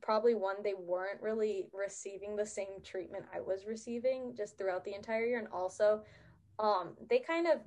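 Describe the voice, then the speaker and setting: A teenage girl casually recounting school memories to friends, animated when retelling. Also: mid-range voice, moderate pace. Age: teens. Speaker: student in group chat. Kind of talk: casual chat.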